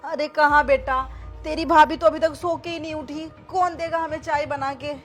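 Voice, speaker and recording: Sly mother-in-law figure, played by a woman, pleading and whiny, fairly high voice, light music behind. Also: steady tone, normal speed, close to an everyday voice. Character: scheming middle-aged Indian mother-in-law, sly.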